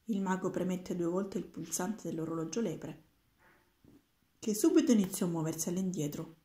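A woman reading a children's book aloud in a steady, gentle manner. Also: fairly low pitch, moderate pace. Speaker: reader. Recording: roomy echoing room.

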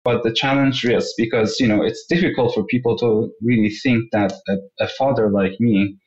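A man's voice: lowish voice, fairly even intonation, moderate pace. A man in his thirties from Iran, a guest speaking earnestly in a casual interview, often saying "you know". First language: Persian. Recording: roomy, dull lo-fi remote line.

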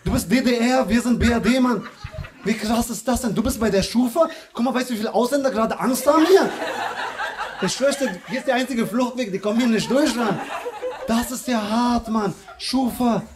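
A male stand-up comedian doing teasing, loud crowd work in a live club, with a slang manner. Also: extremely high pitch, noisy background. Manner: teasing, loud, fast banter with slang fillers. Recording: live room with crowd laughter. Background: audience laughter.

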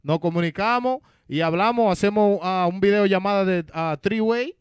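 A man in his thirties with a Dominican accent, a musician guest telling his story in an animated, casual way in a TV studio. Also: high voice, moderate pace, clear, resonant tone, no echo. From Dominican Republic. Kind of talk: casual interview chat. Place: TV studio with green backdrop. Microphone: handheld mic.

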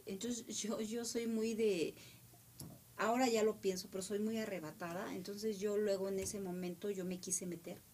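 A middle-aged woman with a Mexican accent telling a story with emotion, now loud, now dropping to a whisper. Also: medium pitch, moderate pace, slight background noise. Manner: animated, drops to whispers.

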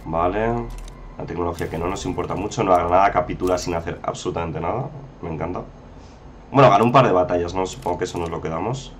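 A man's voice: sits low, fast, slight background noise. A man giving chatty, casual commentary over a strategy game, often exclaiming and talking to viewers. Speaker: gameplay commentator.

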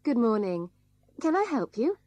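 A woman voicing a polite travel agent and exam narrator in a scripted listening-test recording, with a measured, careful delivery. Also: on the high side, big pitch swings, dark tone, lo-fi sound. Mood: helpful.

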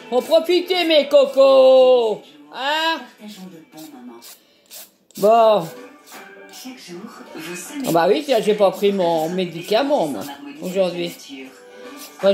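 A woman's voice: medium pitch, darkish tone. An older woman from France chatting casually while peeling vegetables, earthy and talkative, tagging her sentences with little asides. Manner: earthy, chatty, constant "hein" tag. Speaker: home cooking vlogger.

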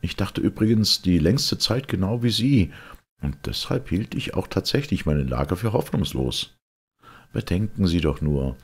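A man voicing an excitable, gloomy male time traveller in an audiobook, speaking with raised, urgent insistence. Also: low-pitched, unhurried, slightly rough, pitched above the performer's own voice, heavily acted. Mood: insistent. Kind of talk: audiobook character reading.

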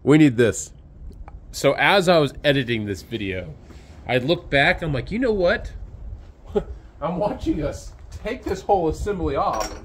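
With slight background noise, a man whose voice is a little high and unhurried shows a repair on his own sawmill. The casual demonstration is shot handheld outdoors beside the machine under an open shed, and he explains things step by step in a relaxed manner, with fillers.

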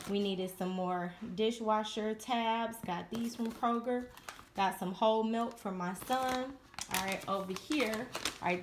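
A woman's voice: medium pitch, reverberant, slight background noise. A woman from Detroit chatting casually through a grocery haul, listing items at home with fillers. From Detroit, Michigan. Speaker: vlogger. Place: home kitchen, indoors.

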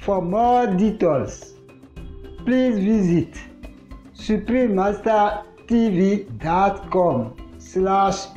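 A program announcer reading a formal scripted broadcast announcement in a measured way. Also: mid-range voice, mellow. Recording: dull lo-fi broadcast audio over music.

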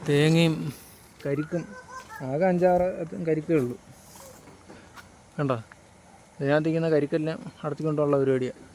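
A man's voice: on the high side, fairly even intonation, brisk, dark tone, slight background noise. A man talking casually in a family vlog, commenting on what he sees around the house. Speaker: family vlogger. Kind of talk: casual home vlog chat.

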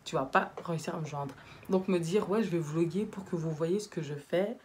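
A woman's voice: lowish voice, a little fast, slight background noise. A young woman, chatting playfully in a casual vlog and slipping English words in. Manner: playful, mixes in English words, swings from loud teasing to quiet talk. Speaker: vlogger.

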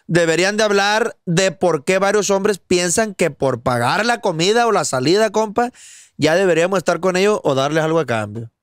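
A man's voice: high-pitched, animated, normal speed, clear, resonant tone, no room sound, studio quality. A young man with a Mexican accent, co-hosting a crude podcast chat, teasing and reading out viewer comments. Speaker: podcast co-host. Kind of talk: casual crude banter.

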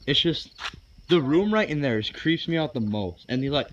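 Nervous young man vlogging over clear noise. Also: a little high, lively intonation, moderate pace, fairly bright tone, lo-fi sound. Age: young adult. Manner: nervous, repetitive, slangy. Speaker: vlog host. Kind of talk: casual exploring vlog narration. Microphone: handheld phone. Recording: very noisy handheld phone recording.

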